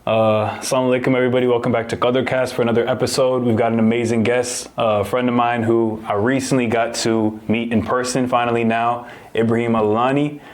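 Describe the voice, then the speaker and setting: A young man hosting a podcast interview, talking in a relaxed, earnest way with many fillers. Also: mid-range voice, quick pace, hardly any pauses. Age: young adult. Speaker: podcast host. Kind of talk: casual interview.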